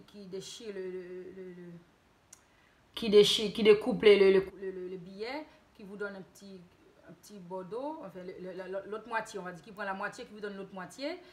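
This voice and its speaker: A woman's voice: mid-range voice, a little mellow, a little hiss or hum. A woman from Haiti telling a casual story-time tale to her channel, hesitant, with many restarts and self-corrections.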